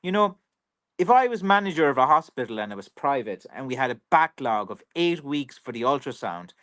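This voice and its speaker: A man's voice: medium pitch, sing-song, a little fast, fairly bright tone. An Irish man talks loosely and at length on a livestream, drifting from one thought to the next. His sentences restart often and are padded with easy fillers. He sounds like a craftsman chatting freely with his viewers. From Ireland. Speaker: professional stick maker. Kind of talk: casual livestream chat reading viewer comments.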